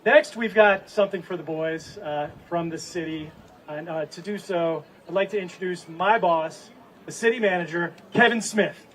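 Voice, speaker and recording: A man announcing as master of ceremonies at an outdoor civic event, halting and often rephrasing as he goes. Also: high-pitched, a bit bright. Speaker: city official acting as master of ceremonies. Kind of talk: semi-improvised event announcing. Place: outdoor stage at a public ceremony. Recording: distant outdoor PA with faint noise.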